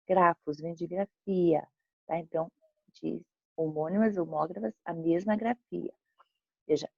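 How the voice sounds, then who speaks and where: A woman's voice: medium pitch, gravelly, dark tone, slightly rough, no room sound. A Brazilian woman teaching a school grammar lesson, patiently repeating examples and checking in with her students as she goes. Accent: Brazilian Portuguese. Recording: dull lo-fi recording.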